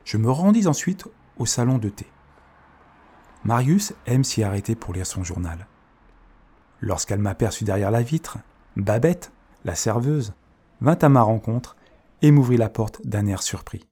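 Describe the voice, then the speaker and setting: Man, storybook narrator, husky, lowish voice, soft expressive reading. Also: a little slow. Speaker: audiobook narrator.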